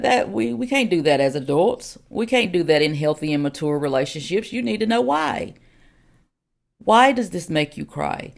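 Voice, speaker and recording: Woman in her forties, church elder giving a podcast teaching; gravelly, earnest and direct, lots of "um"s. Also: lowish voice. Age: 40s. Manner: earnest, direct, many "um"s and repeated questions.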